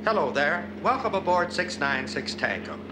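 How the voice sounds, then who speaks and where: A man's voice: fairly high pitch, animated, normal speed. A middle-aged man, a pilot and presenter, speaking in scripted film narration and cockpit talk. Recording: old film soundtrack, heavy engine noise.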